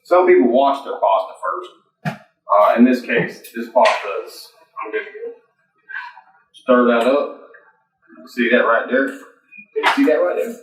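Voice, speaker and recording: A man's voice: mid-range voice, wildly swooping pitch, measured pace, long pauses, reverberant, background noise. A man hosting a casual home cooking show, talking in a rambling, profane, folksy way from his kitchen.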